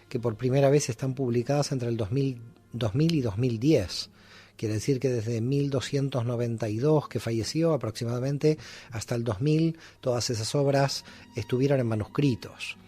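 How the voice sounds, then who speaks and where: Man, guest scholar, teaching tone, frequent fillers, dark mellow voice. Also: mid-range voice. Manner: didactic, many hesitations. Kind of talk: explanatory interview answers.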